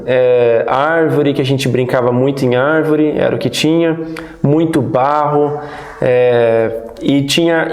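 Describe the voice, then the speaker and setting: A man in his thirties, born in the United States, recalling his childhood as a guest in a relaxed, rambling interview. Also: a little high. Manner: relaxed, rambling, many restarts. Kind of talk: casual interview storytelling. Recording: roomy echo.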